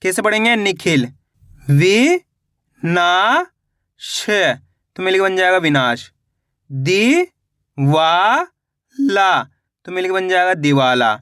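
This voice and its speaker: Man, reading teacher, sounds out each syllable slowly, bright voice, dry recording. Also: sits high, big pitch swings, clean tone, dry recording. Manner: slow, drawn-out syllables, asks and answers his own questions. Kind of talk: spelling out words syllable by syllable.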